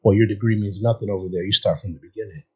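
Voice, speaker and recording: A man born in Nigeria and raised in upstate New York speaks as an interview guest, his voice low and husky. He explains earnestly, and the recording is a bit dull. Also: fairly even intonation, very fast, warm tone. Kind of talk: casual interview.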